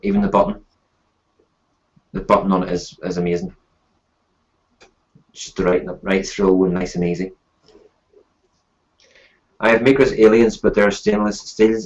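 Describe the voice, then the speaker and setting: A man with a fairly low voice hosts a casual live stream. He talks informally, like a reviewer chatting with regular viewers. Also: flat delivery, normal speed, pauses often, muffled recording.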